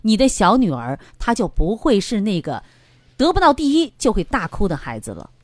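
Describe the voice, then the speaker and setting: A woman's voice: mid-range voice, normal speed, no echo. A middle-aged woman giving parenting advice on a radio call-in show, acting out quoted dialogue. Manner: animated, acts out quoted dialogue. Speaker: parenting expert guest.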